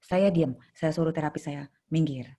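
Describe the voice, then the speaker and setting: A woman's voice: low-pitched, normal speed, warm tone. A middle-aged woman, a child therapist, telling stories in a casual interview and acting out scenes with sound effects.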